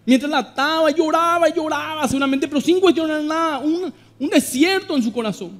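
A man's voice: very high voice, a little fast. A middle-aged man with a Paraguayan Spanish accent, preaching an emphatic sermon to his congregation and reading scripture aloud. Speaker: pastor. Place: church. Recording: long hall reverb with faint guitar music.

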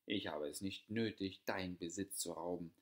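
A man voicing a rich, haughty elder sister who shouts sharply and with contempt. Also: deep voice, moderate pace, natural voice. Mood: furious.

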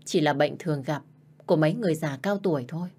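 A woman's voice: sits low, fast talker, a little mellow, breathy edge. A deferential male servant answers politely and dodges questions, voiced by a woman telling a story. The delivery stays close to a plain reading voice. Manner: polite and evasive.

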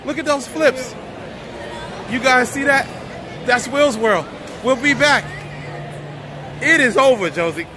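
A woman with a high voice speaks slowly with long pauses while recording a family outing on her phone, chatting and eagerly encouraging the kids. The noisy phone audio from the big, busy indoor mall picks up crowd chatter and rides.

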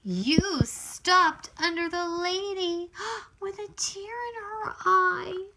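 A woman reads her own storybook for little ones at a very slow, careful pace, high and bright, expressive, with exclamations and a sing-song lilt. Faint noise is present and the audio is poor.

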